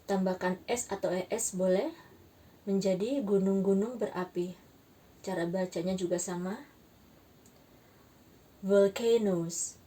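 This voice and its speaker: Slow, soft-spoken woman teaching grammar. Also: mid-range voice, steady tone, distant mic. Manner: spells out letters and repeats words slowly. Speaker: English teacher. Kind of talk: slow, careful grammar lesson.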